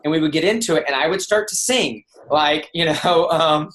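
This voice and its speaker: A man giving a motivational talk on a team kickoff call. He tells conversational stories, with frequent restarts and lively quoted voices. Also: on the high side, moderate pace, a little hiss or hum. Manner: conversational, with restarts and animated quoting. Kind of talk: motivational storytelling.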